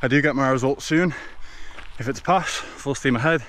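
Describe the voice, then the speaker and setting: A man's voice: mid-range voice, moderate pace, fairly bright tone. A man in his twenties with an English accent, chatting casually to his camera while out of breath from running. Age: 20s. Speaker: fitness vlogger. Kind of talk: casual vlog chat. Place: outdoors on a forest trail. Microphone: action camera at arm's length. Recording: noisy outdoor action-camera audio.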